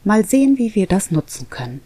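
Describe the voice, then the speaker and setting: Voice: mid-range voice, very animated, a little fast, warm tone, husky, no echo, voice pushed up. A reader voicing a curious, probing bumblebee who keeps asking questions, in an audiobook. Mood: upbeat. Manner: inquisitive, probing, upbeat. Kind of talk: audiobook reading.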